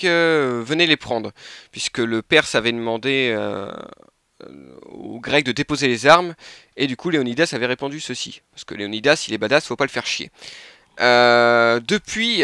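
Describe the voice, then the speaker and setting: A man talking casually as he reviews a replica, hesitant, with many pauses and restarts. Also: medium pitch, bright, forceful tone, clear, resonant tone, no echo, clean studio sound. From France. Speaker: airsoft reviewer. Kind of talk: casual product review talk.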